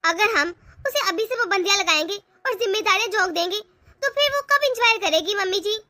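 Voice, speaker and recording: Woman doing a soft young sister-in-law, soothing and indulgent, high bright voice, dry. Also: lively intonation, brisk, no echo, full character voice.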